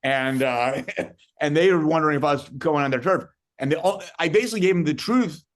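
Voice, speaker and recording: A man's voice: a little high, fairly quick. A man hosting a podcast interview, talking casually in rambling sentences that he often restarts, laughing as he goes. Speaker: podcast host.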